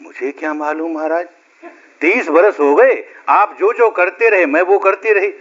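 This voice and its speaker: A meek forest spirit answers without guile. A man tells her part in a story. The voice sits fairly high, and the recording is lo-fi and dull. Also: a little slow, a bit bright. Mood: plain. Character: meek female forest goddess, simple.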